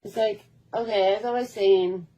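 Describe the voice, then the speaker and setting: Brief: woman, mellow and warm, chatty storyteller who loops back on herself. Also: mid-range voice, steady tone, moderate pace, rough recording. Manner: rambling, repetitive, with many restarts. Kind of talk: casual storytelling.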